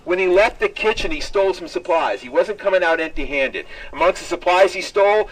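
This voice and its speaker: A man's voice: a little high, fairly bright tone, breathy edge. A man working as a tour guide, telling a story live to a group in dramatic short phrases and questions to his listeners. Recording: distant mic, live on-site capture.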